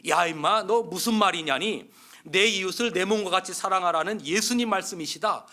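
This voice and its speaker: A male pastor voicing a condemned male murderer who preaches to fellow inmates in a rough, scolding way. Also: high-pitched, brisk, pitched above the performer's own voice. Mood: bullying. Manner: rough, scolding, shouting commands.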